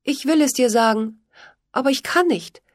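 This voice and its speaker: A woman voices an earnest, anxious young stable boy who stammers as he pleads, her high voice pitched above her natural range and lightly acted. She speaks at normal speed in a dry, clean studio recording.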